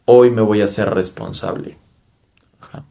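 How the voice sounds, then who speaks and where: Low-voiced Mexican man telling a story. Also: fairly even intonation, moderate pace, vocal fry, warm tone. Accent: Mexican Spanish. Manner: earnest, frequent tag questions. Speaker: spiritual speaker. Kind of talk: personal storytelling monologue.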